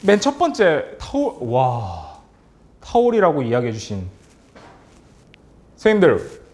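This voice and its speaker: A man leading a workshop for teachers as a trainer, upbeat and animated, calling on the audience, praising their answers and chuckling often. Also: mid-range voice, measured pace. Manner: chuckles often between remarks. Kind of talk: online workshop quiz for teachers.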